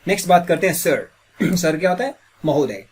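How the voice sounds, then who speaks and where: Husky-voiced man teaching English. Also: on the high side, expressive, brisk. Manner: quizzes listeners with repeated questions, clears throat often. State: slightly sore throat. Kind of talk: classroom grammar lesson.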